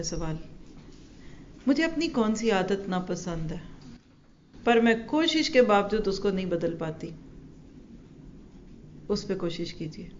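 A woman religious teacher giving an earnest, lively parenting lecture, going from emphatic to soft. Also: mid-range voice, muffled recording, a little hiss or hum.

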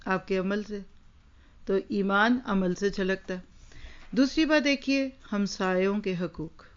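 Woman giving a storytelling religious talk. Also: mid-range voice. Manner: storytelling with rhetorical questions to listeners; mixes English words into Urdu. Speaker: religious teacher. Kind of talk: Islamic lecture to an audience. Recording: dull lo-fi recording.

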